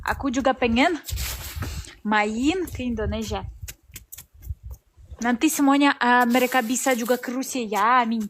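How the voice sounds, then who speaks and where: A Russian woman speaking Indonesian as a foreigner with a Russian accent, chatting casually on an outdoor live stream and pausing to search for words. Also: a little high, fairly bright tone, slight background noise. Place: outdoors in the snow.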